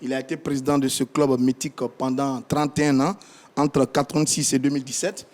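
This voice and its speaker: A man's voice: mid-range voice, steady tone, fairly quick, darkish tone. A man in a studio debriefing the news, talking conversationally with some hesitations. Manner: conversational, with euhs. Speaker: studio pundit.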